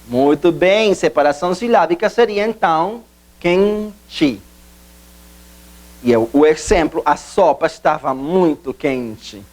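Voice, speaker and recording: A man giving a video language lesson, explaining slowly, repeating himself, and stressing key points. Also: fairly high pitch, expressive, darkish tone. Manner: slow, repetitive, emphatic teacher's explanations. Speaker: Portuguese teacher.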